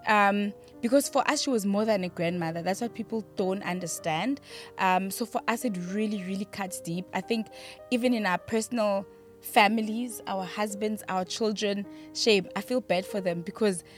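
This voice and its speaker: A woman's voice: mid-range voice, normal speed, soft background music. Grieving woman, earnest. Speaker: podcast guest. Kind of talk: emotional interview.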